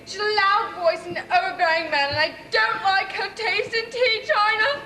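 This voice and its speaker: A woman's voice: normal speed, bright, forceful tone. A young woman playing Sybil, a fussy, jealous young wife, in a school stage comedy with melodramatic delivery. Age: young adult. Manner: melodramatic, high-strung. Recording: roomy stage audio with audience and noise.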